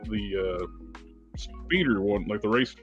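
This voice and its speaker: A man co-hosting a casual chat who often pauses and restarts while looking for words. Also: fairly low pitch, husky. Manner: halting, searching for words. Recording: dull lo-fi sound with faint music.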